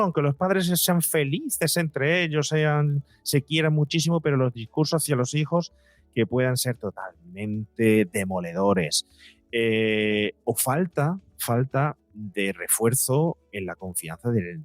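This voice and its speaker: A middle-aged man from Spain, with a Spanish accent, appears as an expert guest in an interview; he is a psychologist and podcaster. He gives emphatic, rambling explanations in a mid-range voice, and the recording is dry.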